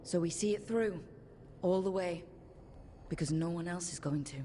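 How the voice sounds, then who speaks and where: Her voice sits on the low side with a dark tone, a moderate pace and a faint hum, close to how she'd normally talk. In this dramatic fantasy game role, the actress is a resolute young woman heading a heroic band, earnest, determined and straightforward as she rallies them.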